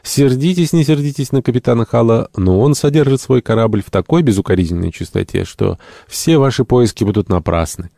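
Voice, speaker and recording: A man's voice: mid-range voice, brisk, creaky, few pauses, dark tone, dry recording, clean studio sound, voice pushed up, close to an everyday voice. A man voicing a middle-aged woman traveling on a ship who speaks politely and teases mildly. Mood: teasing. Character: middle-aged female ship passenger, gentle, teasing.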